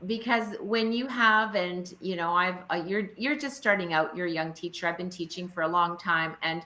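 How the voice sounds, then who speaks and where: A woman with a bright, forceful voice hosts the interview. She is an experienced music teacher who encourages her guest effusively. Her voice sounds echoey, as if recorded in a roomy space. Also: lowish voice, moderate pace. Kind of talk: casual video interview. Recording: roomy echo.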